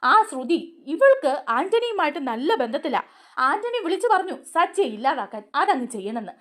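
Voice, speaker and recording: A heated young man hurls accusations at a woman in a serial retelling, voiced by a woman narrator. His voice sits high and swings widely, and he sounds worked up and insistent. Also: big pitch swings, a little fast, fairly bright tone, full character voice. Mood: accusing.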